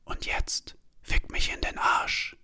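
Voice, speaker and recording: A man voicing a young woman in whispered role-play, with a breathy, unvoiced whisper. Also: sits high, completely flat delivery, drawn-out words, a bit bright, voice pushed up, full character voice. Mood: urgent whisper.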